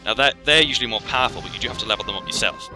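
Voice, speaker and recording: With game music playing in the background, a medium-pitched man talks rapid-fire through a loose, rambling explanation of the game he's playing. He's a game commentator keeping things casual.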